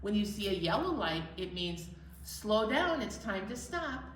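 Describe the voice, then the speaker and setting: Very animated but measured in pace, a woman with a medium-pitched voice hosts storytime for young children at a library. She speaks in simple, encouraging phrases and leads sing-alongs. There's music, a roomy sound from a distant mic, and a little hiss or hum.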